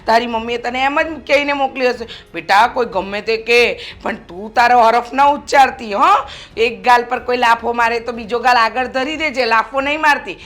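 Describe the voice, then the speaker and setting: A woman's voice: fairly high pitch, normal speed, a bit bright, natural voice. An actress playing a middle-aged mother-in-law who lectures her son and scolds her daughter-in-law. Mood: scolding.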